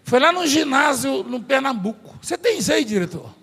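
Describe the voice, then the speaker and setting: A man preaching in a big church hall, his voice high and gravelly with a husky edge. He tells stories and jokes with the congregation and staff. Long reverb hangs on every phrase, with soft music underneath. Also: sing-song, fairly quick. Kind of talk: sermon.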